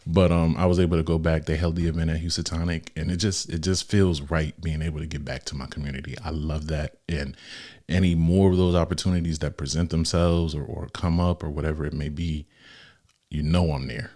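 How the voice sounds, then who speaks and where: Brief: young male podcast host, very low voice, laid-back faith talk full of slang. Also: brisk. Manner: relaxed and conversational with slang.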